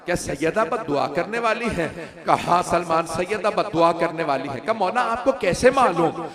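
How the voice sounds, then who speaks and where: High-pitched guy preaching a mourning sermon, goes loud and wailing, big crowd noise behind. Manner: rising to a loud wailing lament. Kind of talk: majlis sermon recounting tragedy. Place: large hall with gathered listeners.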